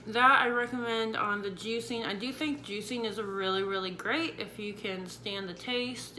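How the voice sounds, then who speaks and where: A week after her jaw surgery, this vlogger chats informally with viewers about recovery tips. Her mid-range voice sounds pushed and bright, and the recording is rough, with clear background noise.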